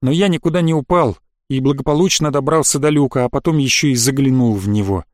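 A man reading a first-person story aloud as an audiobook narrator, with lively, expressive storytelling. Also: medium pitch, fast, no echo, clean studio sound.

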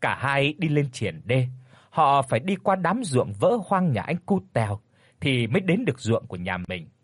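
A male narrator telling a spooky village tale, his husky voice rising and falling with lively drama. He sits close to a dry-sounding mic. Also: medium pitch, normal speed, no room sound. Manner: expressive, dramatic storytelling. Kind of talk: scripted horror story narration.

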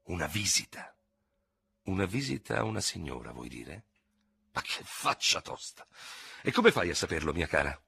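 A swaggering young hussar lieutenant with an ironic, blustering way of talking, played by a male audiobook reader. His voice is deep and husky, with lively swings in pitch. The sound is dry and close. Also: normal speed, long pauses, no echo, heavily acted. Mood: mocking. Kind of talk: audiobook reading.

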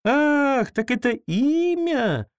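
A bright, friendly little girl, as a male storyteller puts her on, kind and a little brave. Her lines sit high and bounce up and down. The voice is close and dry. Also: big pitch swings, very slow, dry recording, full character voice. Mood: cheerful.

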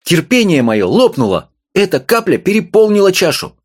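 Squeaky furious little wife in an audiobook, shrieks and scolds, super high. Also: male voice, very animated, normal speed. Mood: indignant. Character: shrill furious little wife, middle-aged.

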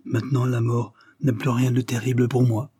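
A man's voice: medium pitch, level tone, normal speed, warm tone, husky, no echo, studio quality, pitched above the performer's own voice, close to an everyday voice. A man reading the part of a dying young man, weak and mournful. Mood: tender.

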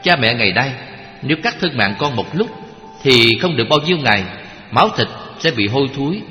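A man voicing a devoted, self-sacrificing young prince in a gentle, earnest recitation. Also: mid-range voice, sing-song, fairly quick, dull audio, lightly acted. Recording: echoey hall with faint music.

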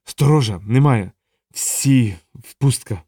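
A man's voice: medium pitch, slow, dark tone, husky, dry recording, studio quality. A man voicing a drunk male captain of the watch who slurs and blusters. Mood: drunken. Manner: slurred, blustering.

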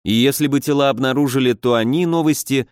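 A man's voice: mid-range voice, fast talker, darkish tone, smooth, no room sound, clean studio sound. A man reading a novel aloud in the first person, with a wry storytelling manner. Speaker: audiobook narrator. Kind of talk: first-person scripted narration.

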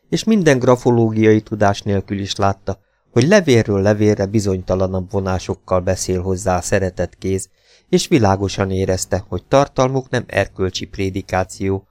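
A man with a fairly low voice reads an audiobook in a measured, even way. The recording is dry and close to the mic. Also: no echo. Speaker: audiobook narrator. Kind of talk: audiobook narration.

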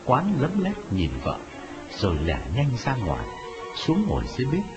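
A man narrating a dramatic story in a scripted, expressive telling. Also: medium pitch, moderate pace. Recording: dull lo-fi audio with music. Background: music.

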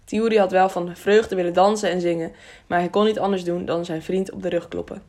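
A woman reading a children's adventure audiobook in a steady, expressive storytelling voice. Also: on the low side, brisk. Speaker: audiobook narrator. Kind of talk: audiobook narration.

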